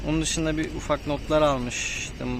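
Clear vehicle and outdoor noise surrounds a man talking inside a helmet. His voice sits a bit high. He reviews in a casual, unscripted way, feeling out his explanations as he goes. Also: fairly even intonation, measured pace. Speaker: motovlogger reviewing his motorcycle.

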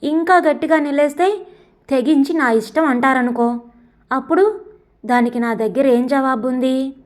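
A woman's voice: high-pitched, natural voice. A woman voicing a resigned married woman who reasons things through steadily. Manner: measured, reasoning.

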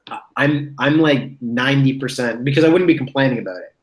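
A man's voice: mid-range voice, a little fast, roomy sound, poor audio. A man in his thirties hosting a casual video-call chat from a room at home. He rambles and corrects himself as he tells stories. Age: 30s. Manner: rambling, self-correcting storyteller. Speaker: host. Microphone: webcam on a video call.

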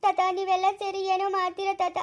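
A frightened young village girl, acted by a woman in an amateur family drama, begging in tearful rural Chikkaballapura Kannada. Her voice is very high and flat in melody, and she talks fast. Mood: tearful pleading. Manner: pleading, tearful.

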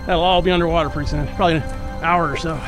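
A man narrating casually from his kayak on a flooded river, explaining paddling tips in a relaxed way, recorded outdoors on a boat-mounted action camera. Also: a little high, racing. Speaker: kayaking vlogger. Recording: loud ambient music under the voice.

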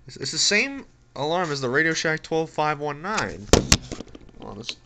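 A man with a slightly high, sing-song voice speaks at a moderate pace while setting up a gadget. As an amateur reviewer in a small home room, he mutters casually and reads prompts off the screen, with faint background noise and device clicks audible.

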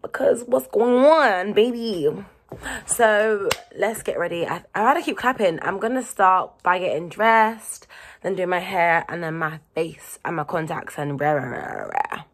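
A woman's voice: lowish voice, big pitch swings, moderate pace, fairly bright tone. A young woman, chatting casually and rambling to camera in a vlog, often correcting herself. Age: young adult. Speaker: vlogger. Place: at home.

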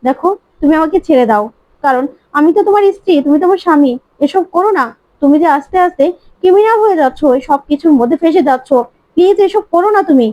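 A woman's voice: very high-pitched, lively intonation, fast, no room sound. A woman voicing a young maid who is tearful and fiercely loyal, wailing and then accusing. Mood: pleading. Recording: slightly muffled dry recording.

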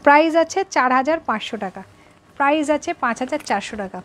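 High pitched lady doing a live sari sale, chatty, keeps saying the price over and over. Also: expressive, quick pace, a bit bright. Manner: chatty, repeats prices, answers viewers directly. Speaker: boutique owner selling saris live. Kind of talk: live sales stream.

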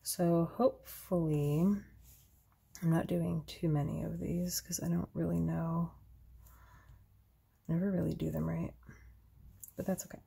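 A woman narrating a casual card-making tutorial in a relaxed, chatty way with self-deprecating asides. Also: low voice, unhurried, gravelly, long pauses, slightly rough. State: sneezing, slightly congested.

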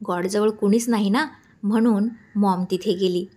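A woman voicing a gentle young teacher who speaks in a soothing, reassuring way. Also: medium pitch, steady tone, moderate pace, lightly acted.

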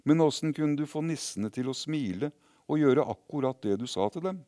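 A man voicing a patient, gently teasing older girl who looks after a little boy in a story. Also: fairly high pitch, lively intonation, voice pushed up, lightly acted. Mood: kind.

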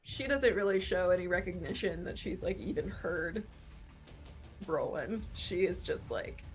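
Woman at the game table reading off her rolls, slow and easy, lots of um and like. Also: lowish voice, animated, soft background music. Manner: casual, reporting rolls with fillers. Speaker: player. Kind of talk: casual tabletop game talk.

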